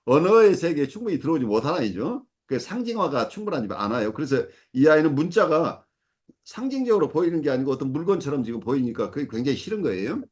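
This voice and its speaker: A man's voice: on the high side, very animated, fast talker, a little mellow. A middle-aged man supervising a case, explaining step by step with many fillers and self-corrections. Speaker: psychoanalysis supervisor. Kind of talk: explanatory teaching talk.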